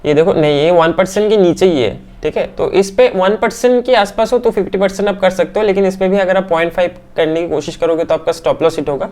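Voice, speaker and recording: A man teaching trading as he walks through candlestick charts on screen, often checking in with his listeners and filling pauses with "aa". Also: high-pitched, fairly even intonation, darkish tone. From India. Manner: keeps checking in with "theek hai?"; talks through hesitations with "aa" fillers. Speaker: stock market teacher.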